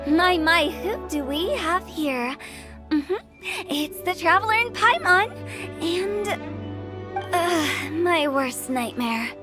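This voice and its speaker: Casting: a mischievous young female funeral director, very high, lilting, unhurried, music behind. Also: animated, exaggerated voice. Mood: playful. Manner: teasing, mischievous. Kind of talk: video game voice acting.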